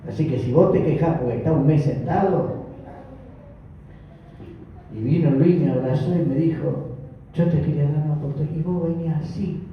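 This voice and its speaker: A man with an Argentine accent telling his testimony in a lively, storytelling sermon style. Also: fairly high pitch, moderate pace, long pauses. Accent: Argentine Spanish. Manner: storytelling, animated, acts out dialogue with laughs. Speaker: preacher giving testimony. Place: church hall. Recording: distant, echoey, dull church recording with hiss.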